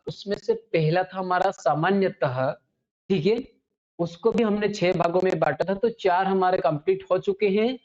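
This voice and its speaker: A woman teaching a Hindi grammar lesson to students. She often checks in with "ठीक है?" and slows right down to spell out sounds and definitions. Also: lowish voice, darkish tone. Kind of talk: online classroom lesson. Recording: slightly dull lo-fi audio.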